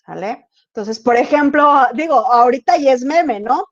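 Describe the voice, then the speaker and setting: A woman's voice: sits high, expressive, moderate pace. A woman teacher giving an online class, explaining and often checking that students follow. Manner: explains with repeated check-in questions. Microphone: video call. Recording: dull lo-fi video call audio.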